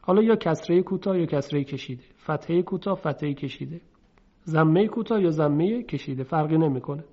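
Male recitation teacher, patient and methodical, slightly high voice, demonstrates sounds slowly; dull lo-fi recording. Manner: patient, explains step by step and demonstrates letter sounds by drawing them out. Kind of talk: explanatory lesson.

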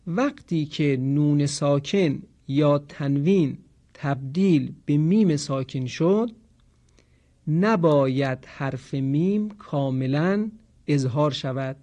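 A man teaching Quran recitation rules in a lesson, explaining calmly and reciting examples slowly. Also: fairly high pitch.

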